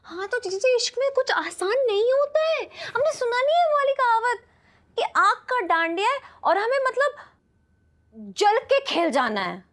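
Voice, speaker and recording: An actress playing a theatrical young wife who recites verse in a sing-song way in a comedy TV serial. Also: female voice, extremely high pitch, big pitch swings, normal speed, a bit bright, exaggerated voice. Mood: dramatic. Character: dramatic, poetry-quoting young wife.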